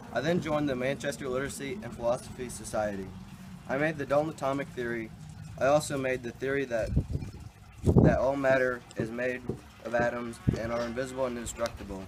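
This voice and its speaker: A man playing an earnest 19th-century English scientist for a school project, reciting haltingly. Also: medium pitch, noisy background, lightly acted. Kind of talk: school project role-play.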